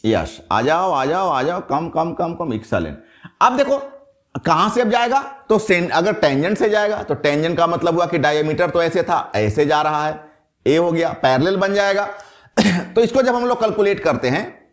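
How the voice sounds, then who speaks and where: Lively male physics teacher. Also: on the high side, normal speed. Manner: lively, questions the class and answers himself. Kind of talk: classroom lecture.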